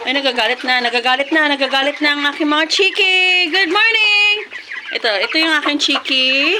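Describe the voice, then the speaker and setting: High-voiced playful woman vlogger. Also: moderate pace, background noise. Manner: playful, teasing, mixes English and Tagalog; calls to chickens in high clucking cries. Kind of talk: casual vlog. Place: backyard chicken coop, outdoors. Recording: outdoors with roosters and clucking hens.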